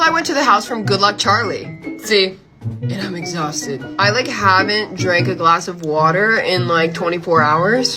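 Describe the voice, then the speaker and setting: A woman makeup vlogger talking casually and chattily, full of "like" and "literally". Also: mid-range voice. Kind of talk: casual chat. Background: music.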